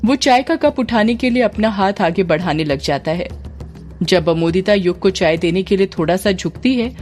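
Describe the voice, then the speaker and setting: A woman reading a scripted story in a steady, descriptive way as a storyteller. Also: medium pitch.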